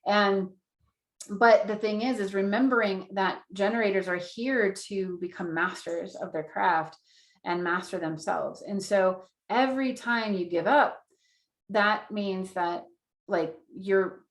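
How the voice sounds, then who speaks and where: A woman in her thirties teaches a class with an earnest, repetitive delivery, sometimes acting out an inner voice as she explains. Her voice sits in a middle pitch. The room gives it a noticeable echo. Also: a little slow. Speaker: Human Design teacher. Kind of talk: online class lecture.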